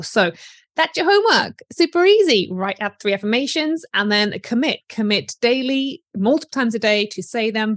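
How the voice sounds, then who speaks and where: A woman's voice: mid-range voice, dry recording, clean studio sound. A woman business coach giving a casual, chatty live coaching session with lots of fillers.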